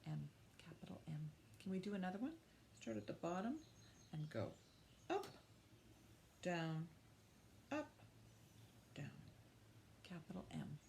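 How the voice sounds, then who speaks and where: A children's librarian leads a storytime, reading aloud and teaching young listeners with simple, encouraging, repeated phrases. Her voice sits on the low side, gravelly yet a little mellow, with lively intonation, a measured pace, and long pauses. Slight background noise is audible.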